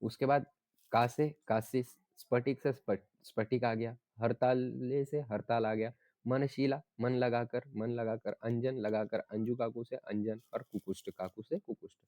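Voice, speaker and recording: A young man giving a fast exam revision lecture as an Ayurveda teacher, reciting lists and quizzing his students in a chatty way. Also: mid-range voice, fairly even intonation, darkish tone, no room sound. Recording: dull, slightly lo-fi dry audio.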